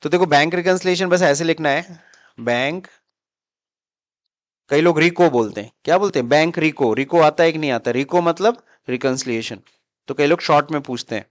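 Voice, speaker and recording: With a fairly high voice and normal speed, this Indian man explains accounting lecture-style, blending Hindi and English terms. He keeps putting questions to his students as he goes. No room sound is audible.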